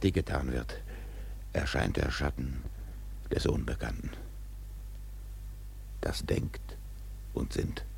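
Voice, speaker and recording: An actor playing an obsessed, vengeful whaling captain in a German radio drama, with a husky, gravelly voice and a commanding, brooding delivery. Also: male voice, very deep voice, heavily acted.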